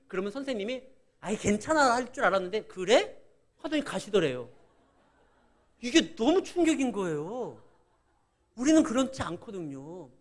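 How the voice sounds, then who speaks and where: A middle-aged Korean pastor with a Chungcheong accent, preaching a sermon and acting out quoted dialogue as he tells stories. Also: sits high.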